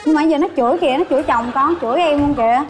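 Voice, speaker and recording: A woman's voice: high-pitched, very fast, faint music behind. A woman, a show guest telling her husband a complaining story over the phone.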